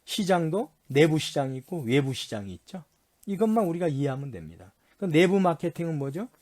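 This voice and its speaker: Here a man with a slightly high, darkish voice speaks fairly quickly and very animatedly. He's a university lecturer going over course material, repeating key terms, spelling them out, and answering his own questions, with English terms mixed into what he explains.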